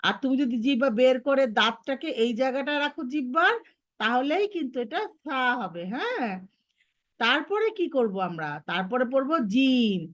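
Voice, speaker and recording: A woman's voice: sits high, animated, normal speed, no echo. A woman with a Bangladeshi Bengali accent teaching Arabic letter sounds to children in an online lesson, patiently modeling each sound.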